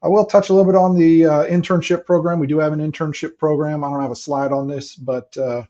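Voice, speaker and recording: A man's voice: fairly high pitch, fairly even intonation, quick pace, warm tone. A man giving an informal company presentation at an online recruiting event, often searching for his words. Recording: dull, lo-fi webinar audio.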